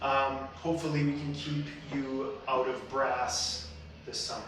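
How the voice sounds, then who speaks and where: A man's voice: medium pitch, flat delivery, unhurried, fairly bright tone. Echoey, distant man hosting a salon advice show. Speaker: hairstylist and show host. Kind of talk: casual advice talk. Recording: very echoey room, distant mic, faint noise.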